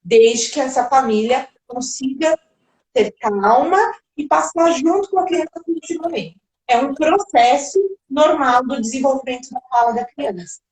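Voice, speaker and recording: A woman's voice: high-pitched, moderate pace, a little mellow, roomy sound, rough recording. A woman speech therapist giving explanatory answers in a live video-call interview, now and then acting out parents and children.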